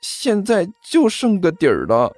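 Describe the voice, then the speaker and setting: A man's voice: high-pitched, wildly swooping pitch, measured pace, a little mellow, soft background music, voice pushed up, exaggerated voice. A man voicing an eager, distracted young male apprentice in a raised, pleading voice.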